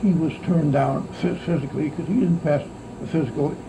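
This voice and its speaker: A creaky-voiced American grandfather, about 90 or older, casually remembers his wartime childhood for an oral history, his aged voice on the high side. He speaks in a halting, rambling way, often tagging on "see," and the noisy recording carries a steady insect-like hum.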